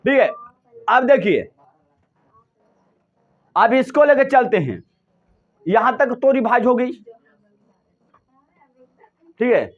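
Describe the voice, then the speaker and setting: A man's voice: very high-pitched, sing-song, slow pace, pauses often, muffled recording. A male teacher giving a classroom lesson, drilling his students with repeated questions and answering them himself.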